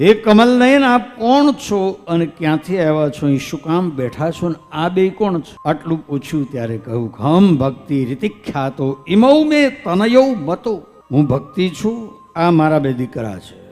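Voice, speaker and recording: A man's voice: on the high side, darkish tone. A man from Saurashtra with a Gujarati accent, telling a devotional story sermon, reciting scripture verses in a singing lilt and then explaining them plainly. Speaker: religious storyteller. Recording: long hall reverb with faint music.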